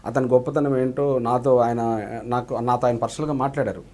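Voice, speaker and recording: A man's voice: mid-range voice, steady tone, fairly quick, darkish tone. A man, an actor being interviewed, talking earnestly and politely with frequent restarts. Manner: earnest, calls the host "sir" constantly, frequent restarts. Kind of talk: casual interview talk.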